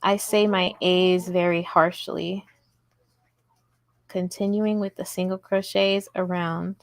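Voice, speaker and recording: A woman on the low side of pitch, with little pitch movement and a slow pace, chats with her livestream viewers while crocheting at a table indoors at home. She's casual and giggly, and the audio has no echo.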